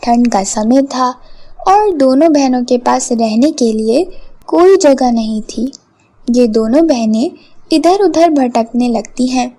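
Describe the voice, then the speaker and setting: Woman reading a cartoon story out, high voice, slow and steady. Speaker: narrator. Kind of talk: scripted storytelling narration.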